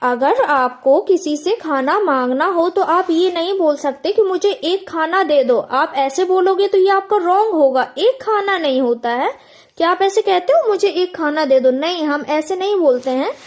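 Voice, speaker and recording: A woman's voice: very high-pitched, animated. A woman teaching an English grammar lesson. She asks the listener questions and answers them herself, and she repeats key words. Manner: slows down and stretches out example phrases.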